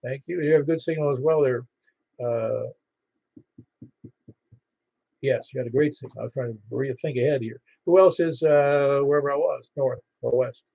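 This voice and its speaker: A man acting as net controller on amateur radio, calling for check-ins haltingly and repeating call signs in phonetics. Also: medium pitch, gravelly, no room sound. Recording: dull, band-limited ham radio audio.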